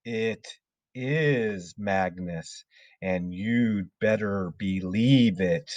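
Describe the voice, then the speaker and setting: A man voicing a stern ghostly male spirit in a storybook, speaking in a deliberate, commanding way. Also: lowish voice, a little mellow, dry recording. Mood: eerie, commanding.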